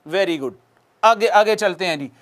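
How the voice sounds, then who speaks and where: A man teaching Quran recitation, patiently correcting and chanting drawn-out demonstration words for students to repeat. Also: high-pitched, lively intonation, a bit bright. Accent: Pakistani Urdu. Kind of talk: recitation lesson with call-and-repeat.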